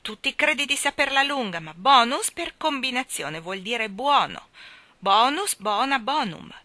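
Woman putting on a bossy show-off boy from a storybook, bright raised voice, mocking. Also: fairly high pitch, animated, unhurried, no room sound, pitched above the performer's own voice. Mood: boastful. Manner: mocking, know-it-all. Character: cocky schoolboy brother, boastful and teasing.

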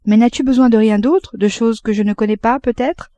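A woman voicing a hesitant, soft-spoken middle-aged mother, in an audiobook reading. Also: a little high, steady tone, fairly quick, no echo, close to an everyday voice. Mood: timid.

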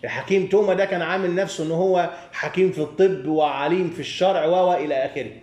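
A man's voice: fairly high pitch, fast talker, darkish tone, echoey room. A man with an Egyptian accent teaching a hadith studies class, leaving sentences open so his students can finish them. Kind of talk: classroom lecture with call-and-response.

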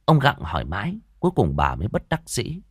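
A man's voice: on the low side, huge pitch swings, a little fast, breathy edge, no echo, clean studio sound. A man narrating a horror story in a dramatic, suspenseful scripted telling.

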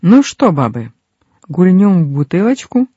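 A hefty, drunken woman bellows brash jeers at a rowdy party, as a man puts her on. The voice is pushed higher and louder than a plain reading. The recording is dry and slightly muffled. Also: sing-song, moderate pace, slightly rough, no room sound, full character voice.

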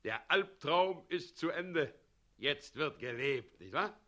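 A man's voice: a little high, lively intonation, takes it slowly, bright, forceful tone, exaggerated voice. An actor playing a smug, condescending tyrant who is hailed as a liberator in a radio play, chuckling as he speaks. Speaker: president of the town.

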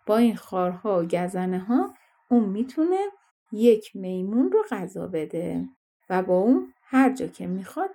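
A woman voicing a boastful, scornful yellow dwarf man in a fairy-tale audiobook. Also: lowish voice, breathy edge. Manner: mocking, self-satisfied.

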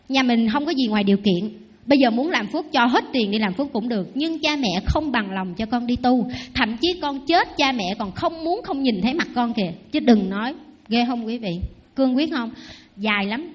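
A woman, a Buddhist nun, giving a dharma talk in a lively, teasing way and asking the audience questions. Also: on the high side, moderate pace. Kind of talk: sermon.

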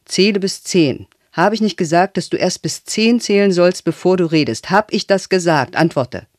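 A man's voice: high voice, moderate pace, no room sound, studio quality, lightly acted. A man voicing a stern, pedantic father who lectures his son, in an audiobook reading. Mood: lecturing. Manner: nitpicking, lecturing. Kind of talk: audiobook character voice.

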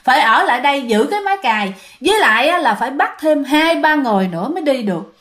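A woman's voice: sits high, animated, quick pace, a bit bright. A woman voicing the mocking, cackling ghost of a drunk village man, with a Southern Vietnamese accent. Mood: stubborn.

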